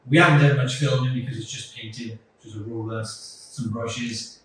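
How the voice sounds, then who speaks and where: This casual DIY vlog features a man, a carpenter and builder by trade, practically explaining each renovation step as he works. He speaks with a mid-range, steady, fairly bright voice at a moderate pace. It's recorded on a phone he holds while working in a bare, echoey bungalow room under renovation indoors, with faint noise in the background.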